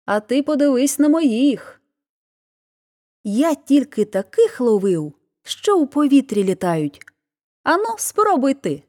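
A high, pompous boastful donkey. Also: male voice, sing-song, slow, darkish tone, full character voice. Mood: smug lecturing. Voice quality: high, strained voice. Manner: lecturing, self-important. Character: boastful pompous male donkey, self-styled king. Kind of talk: folk tale reading.

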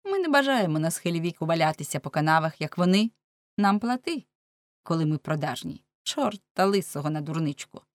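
A woman's voice: deep voice, sing-song, a little fast, no echo, studio quality. A woman voicing haggard, bony older women who grumble sourly. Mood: grumbling. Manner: grumbling, sour.

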